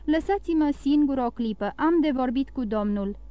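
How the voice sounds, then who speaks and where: A woman's voice: high-pitched, animated, dry recording, dull audio. A woman reading a sad, dignified old shipowner. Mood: subdued. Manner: gentle, sad and formal. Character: grieving, dignified older shipowner, a man.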